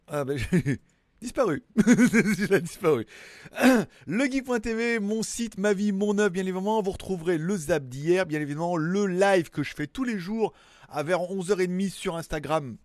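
A chatty man hosts a tech news show with a fairly high voice, rambling between topics and tossing in jokey asides. He sits close to the mic in a dry, dead-sounding room. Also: dry recording. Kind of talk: casual chat.

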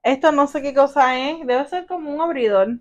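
A young Cuban woman, a mother with a Cuban accent, unboxes gifts at home in a casual vlog at normal speed. Her voice sits high as she gushes and exclaims, often calling her viewers family.

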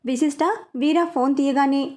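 High-voiced woman reading a story. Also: steady tone, normal speed, dark tone. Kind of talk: reading a serialized romance story.

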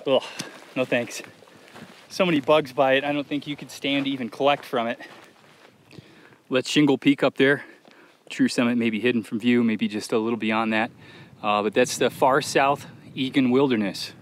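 Man, mid-pitched, casual and reflective, narrating a solo hike outdoors on a camera mic. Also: fairly even intonation, moderate pace, long pauses, a little hiss or hum. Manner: easygoing, rambling, reflective, with frequent "uh" and "like". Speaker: solo thru-hiker filming his trip. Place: outdoors in open desert.

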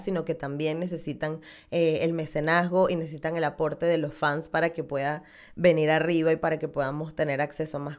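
A woman, hosting a podcast and talking expressively into a studio mic in a small room. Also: lowish voice. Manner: animated, gestures a lot with her hands. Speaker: podcast host. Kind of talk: casual podcast outro. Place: small room with dark wall. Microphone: studio condenser mic on stand.

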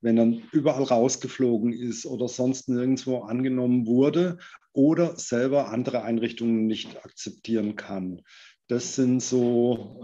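A man's voice: medium pitch, dark tone. A middle-aged man on a video call, explaining his work in a thoughtful conversational way and often rephrasing as he goes. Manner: thoughtful, restarts phrases, hedges with "wenn man so will". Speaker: architect answering questions in an online lecture. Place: indoors by a large window. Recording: muffled video call audio.

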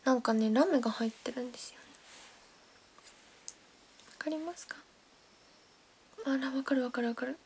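Young woman, high voice, chatty livestream host on a close mic. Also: moderate pace, pauses often, a little hiss or hum. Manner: chatty, thanks viewers by name, drops to soft whispers. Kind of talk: casual livestream chat reading comments.

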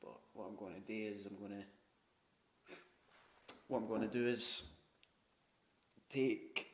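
Filmed indoors on a handheld camera mic, a man narrates an unhurried, casual tour of a flat he's doing up, his voice on the low side. This home renovator is chatty and frugal, swearing casually and repeating "you know what I mean."

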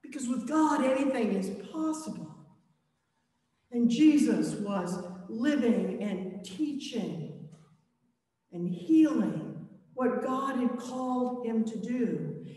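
A woman priest delivers a sermon, slow and reflective, in a storytelling way. Her voice is high and rings with the long reverb of the church. She is heard from a distance off the mic. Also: lively intonation, warm tone. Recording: echoey church, mic far off.

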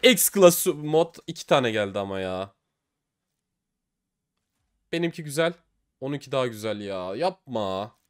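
A young man giving excitable gaming commentary as he opens online cases, swinging between cheering and despair. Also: medium pitch, unhurried, long pauses, clean tone. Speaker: case-opening streamer.

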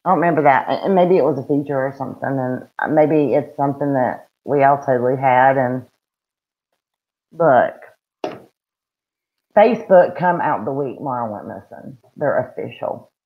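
A middle-aged woman with a Southern US accent and a rumbling low voice speaks at a moderate pace, co-hosting a true-crime livestream from home. Her casual talk is chatty, blunt and folksy. Captured by a webcam on a video call, it has dull, lo-fi sound.

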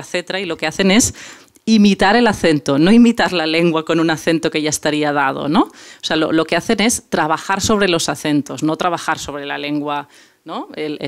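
A man as art lecturer, slightly higher voice, thinking aloud with restarts. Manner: hesitant, many restarts and tag questions.

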